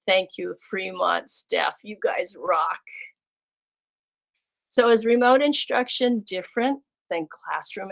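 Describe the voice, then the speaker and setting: Gravelly-voiced woman teacher telling stories. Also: medium pitch, poor audio. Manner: acts out classroom scenes with her students, lively and animated. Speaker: second grade teacher. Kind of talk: personal storytelling talk.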